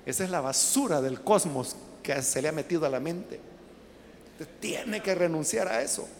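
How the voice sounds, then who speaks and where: A woman's voice: low-pitched, animated, moderate pace, vocal fry, a little mellow. A woman preaching a sermon. She speaks emphatically and keeps asking rhetorical questions. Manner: emphatic, rhetorical questions, acts out quoted voices. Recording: long hall reverb, faint background noise.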